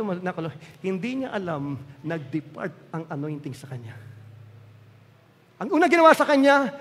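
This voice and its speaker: A man's voice: high voice, long reverb tail. A male pastor preaching a sermon, emphatic and repetitive, slipping English phrases into his talk. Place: church hall.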